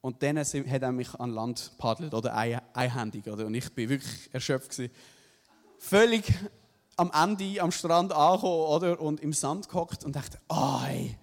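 A young man with a Swiss German accent telling a personal story live, animated, tagging lines with questions. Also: mid-range voice, moderate pace. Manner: animated, tag questions "oder?". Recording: hall reverb.

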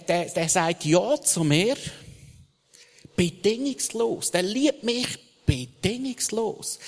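A male preacher with a Swiss German accent, delivering an impassioned sermon that swings between loud emphatic bursts and hushed asides. His voice sits somewhat high for a man, and long reverb trails every phrase, as if he is preaching in a large hall.

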